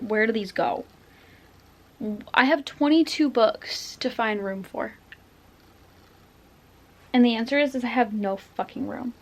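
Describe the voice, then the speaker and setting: A nineteen-year-old woman vlogging casually at home about her reading, chatty and full of "like" and "literally". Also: a little high. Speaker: book vlogger. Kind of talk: casual vlog chat. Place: at home, indoors.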